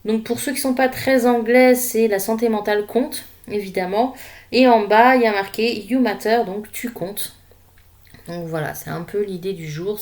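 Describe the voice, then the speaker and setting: A woman narrating her scrapbooking in a casual, unhurried voice-over, often pausing with hesitations as she works. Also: mid-range voice. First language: French. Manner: relaxed and unhurried, with frequent hesitations. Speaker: craft vlogger.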